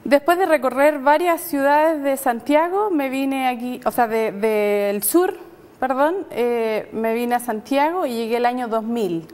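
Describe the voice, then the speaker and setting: A middle-aged Chilean woman with a somewhat high voice speaks hesitantly, with frequent filler sounds and tag questions. Her voice carries a long studio reverb. She talks as a guest on a faith program. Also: measured pace, darkish tone. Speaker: nurse and guest. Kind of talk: faith TV conversation and prayer.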